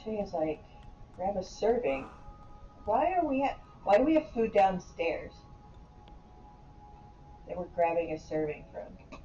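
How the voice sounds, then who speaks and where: A woman's voice: mid-range voice, sing-song, unhurried, pauses often, dark tone, roomy sound, highs cut off, soft background music. A woman casually commenting on her game play with chatty, wry asides. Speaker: gaming channel host.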